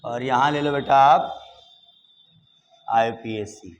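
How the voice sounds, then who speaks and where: A man's voice: mid-range voice, takes it slowly. A man teaching chemistry in a classroom lecture, coaxing his students with questions as he goes. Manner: coaxing, asks students questions and calls them "beta".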